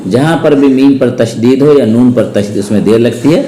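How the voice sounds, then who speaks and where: A man teaching Quran recitation, slowly chanting verses, then explaining pronunciation in brisk speech with an Indian Urdu-Hindi accent. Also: mid-range voice, warm tone, reverberant. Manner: alternates slow melodic chanting with quick explanatory speech. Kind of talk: recitation lesson with spoken corrections.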